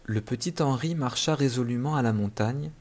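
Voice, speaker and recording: A man reading a classic fairy tale aloud as narrator, calm and measured. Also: medium pitch. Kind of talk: scripted storybook narration.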